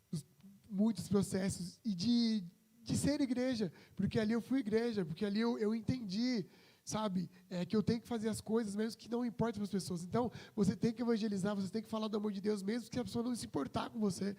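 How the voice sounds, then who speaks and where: Young brazilian pastor guy, fairly high voice, chatty storytelling sermon. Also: warm tone. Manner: conversational storytelling, acts out quoted voices. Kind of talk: informal testimony sermon.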